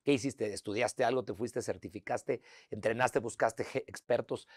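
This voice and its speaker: A man's voice: mid-range voice, fairly even intonation, normal speed, dry recording, studio quality. A man, hosting an interview, affirming his guest and asking many short questions in a row. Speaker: interview host. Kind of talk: conversational interview.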